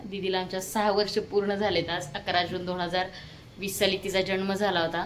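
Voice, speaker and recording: A woman's voice: mid-range voice, level tone, fairly quick, slight background noise. A woman in her thirties from Maharashtra, chatting casually on a family vlog and coaxing a toddler with questions, recorded on a handheld phone. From Maharashtra, India. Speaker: family vlogger and mother.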